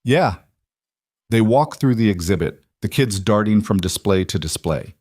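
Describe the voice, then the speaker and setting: Male narrator, even storytelling read, lowish voice, close dry studio mic. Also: normal speed, no room sound.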